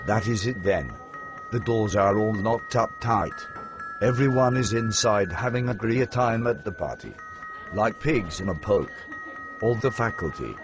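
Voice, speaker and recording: Comic horror audio play: male actor as gloating, deliberate villain, somewhat low register, plotting solo, music behind. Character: scheming male villain plotting alone outside a party. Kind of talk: scripted comic horror audio drama monologue.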